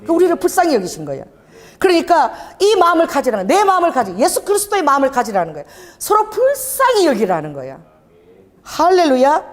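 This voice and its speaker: A middle-aged woman pastor preaching a lively Pentecostal sermon, telling a healing story and firing off rhetorical questions. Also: high voice, fast talker. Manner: animated preaching, rhetorical questions, acts out scenes. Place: church sanctuary. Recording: church hall reverb.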